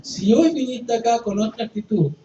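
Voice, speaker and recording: A man preaching a sermon as pastor, impassioned, swinging from loud pleading to hushed, quiet passages. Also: very high voice, moderate pace, a little hiss or hum. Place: church hall. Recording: roomy, distant, dull church recording with faint ambience.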